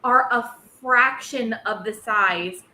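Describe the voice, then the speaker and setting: A woman chatting casually as a podcast guest, lively and laughing, with playful put-on voices. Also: on the high side, takes it slowly, echoey room, poor audio. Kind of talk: casual chat.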